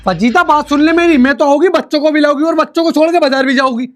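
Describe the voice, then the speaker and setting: A man's voice: very high voice, quick pace, a bit bright, a little hiss or hum. A man playing a whiny, stubborn married older sister who pleads in a comic sketch.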